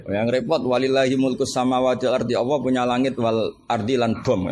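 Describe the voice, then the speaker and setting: A man with a Javanese accent teaching Islamic law to students in a relaxed religious lecture, telling jokes and stories in an animated way. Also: medium pitch, fairly quick. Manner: joking, animated storytelling with laughter. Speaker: Islamic scholar teaching fiqh. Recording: noisy live recording with ambience.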